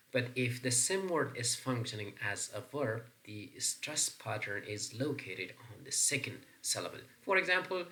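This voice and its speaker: A man with an Afghan accent gives a recorded English lesson in a bright, forceful voice at a middle pitch. He explains patiently and step by step, often pausing on fillers and restarting his sentences. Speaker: English teacher.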